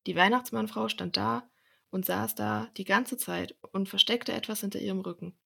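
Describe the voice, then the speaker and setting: A young woman in her twenties reads a storybook aloud. Her steady narration has a strong gravelly fry. The tone is husky, and small slips creep in now and then. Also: mid-range voice, moderate pace. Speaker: student storyteller.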